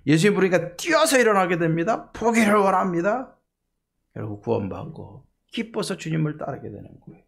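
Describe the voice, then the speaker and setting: A man's voice: high-pitched, big pitch swings, brisk, creaky, slightly rough. A male pastor preaching an early morning sermon, emphatic and full of rhetorical questions.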